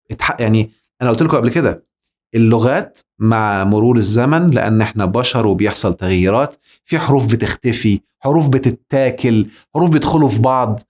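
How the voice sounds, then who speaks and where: Emphatic Egyptian man lecturing. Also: mid-range voice. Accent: Egyptian Arabic. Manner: emphatic, rhetorical, addresses the listener directly. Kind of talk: religious lecture.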